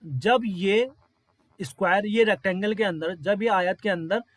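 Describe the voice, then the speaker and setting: A man's voice: high voice, a little slow, no room sound. A man teaching exam figure-counting problems step by step, counting aloud and often quizzing his listeners.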